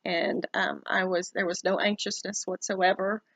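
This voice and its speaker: A woman giving a casual first-person update to camera in a hesitant, halting way with many pauses. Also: medium pitch, flat delivery, fairly bright tone, no room sound. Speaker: vlogger documenting recovery from eyelid surgery.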